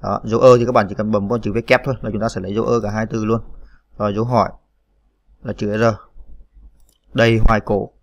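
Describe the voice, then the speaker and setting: A man's voice: fairly low pitch, level tone, quick pace, vocal fry, pauses often, no room sound, studio quality. A man hosting a computer typing tutorial, spelling out keys letter by letter with frequent "à" fillers. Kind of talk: screen-recorded typing tutorial.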